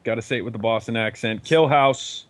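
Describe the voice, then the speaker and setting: Guy hosting a chill gaming podcast, jokey and relaxed, mid pitch. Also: moderate pace. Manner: joking, easygoing. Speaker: host. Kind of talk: casual podcast chat.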